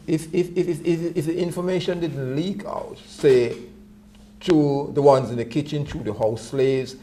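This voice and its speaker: A man's voice: mid-range voice, mellow, a little hiss or hum. A man with a Jamaican accent speaking Rasta-style with patois phrasing, reasoning conversationally and repeating words for emphasis.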